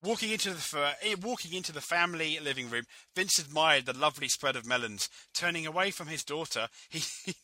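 A man's voice: a little high, fairly quick, few pauses, sharp tone, no echo. A man co-hosting a podcast, reading a comic story aloud and stumbling over words. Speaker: podcast co-host.

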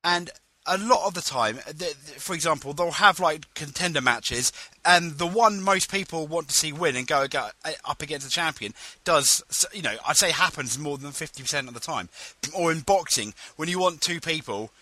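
Bright-voiced eager male podcast host. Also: on the high side, no echo. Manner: eager, quick to laugh, stumbling starts. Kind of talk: casual chat.

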